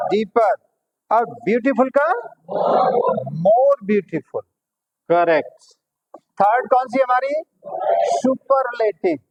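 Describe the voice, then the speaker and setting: A man teaching English grammar in a classroom, explaining patiently and quizzing his pupils, calling them "beta" and checking if it's clear. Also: very high voice, lo-fi sound.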